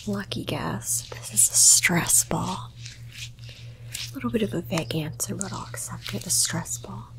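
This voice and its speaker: A woman whispering an ASMR roleplay in a soft, teasing and playfully bossy way. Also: fairly low pitch, unhurried, creaky, rough recording. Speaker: ASMR creator.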